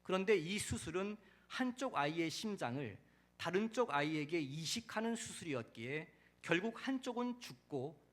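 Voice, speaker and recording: A male pastor preaching a sermon in a church, telling a story dramatically with loud emphatic peaks and soft, dropping sentence endings. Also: high voice.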